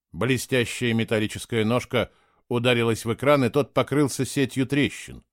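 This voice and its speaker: A man reading an audiobook in a steady, measured storytelling voice. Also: medium pitch, no echo, studio quality. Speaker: audiobook narrator. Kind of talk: scripted audiobook narration.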